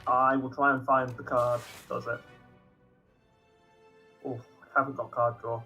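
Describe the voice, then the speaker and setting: Relaxed chatty man, mid-pitched. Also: a little slow, soft background music. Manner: relaxed, chatty, laughs easily. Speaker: co-op game partner. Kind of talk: casual gameplay chat.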